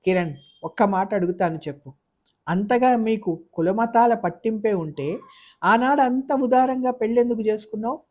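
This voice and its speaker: కథకులు పలికే ఆడియో నవల కథానాయిక, భర్తను ప్రశ్నించే బాధాతప్త స్త్రీ. మాటల్లో వేదన, పట్టుదల కలిసి వినిపిస్తాయి. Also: female voice, fairly low pitch, measured pace, warm tone. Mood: pleading, hurt. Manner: pleading then fiercely defiant. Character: hurt, defiant young wife and mother. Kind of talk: audiobook character voice.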